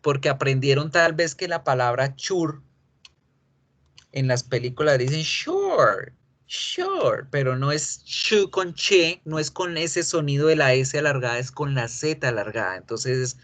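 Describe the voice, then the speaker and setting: A man teaching English pronunciation in an online lesson, drawing out each sound slowly as he models it. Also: medium pitch, a bit bright. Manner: slow, drawn-out modeling of sounds.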